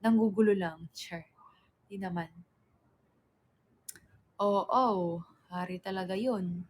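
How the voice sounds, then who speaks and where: A woman's voice: medium pitch, steady tone, takes it slowly, a little mellow, rough recording. Chatty woman livestreaming. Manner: chatty, rambling, full of fillers and self-corrections; reads out viewer comments. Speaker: livestream host. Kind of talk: casual livestream storytelling.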